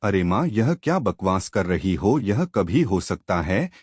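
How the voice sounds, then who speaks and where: A man's voice: sits low, big pitch swings, unhurried, a little mellow, breathy edge, no echo, studio quality, full character voice. A man voicing an eager young husband in a cartoon story, full of puzzled questions. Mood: excited. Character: excited young husband and son.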